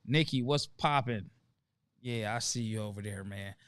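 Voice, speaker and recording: With crowd noise in the background, this relaxed livestream host talks in a fairly low voice. His chat is casual, and he greets viewers by name while drawing out words to stress them.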